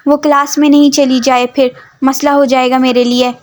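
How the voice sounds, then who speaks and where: A woman's voice: sits high, flat delivery, normal speed, lightly acted. A woman voicing a cheeky young male university student who teases and pesters. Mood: teasing.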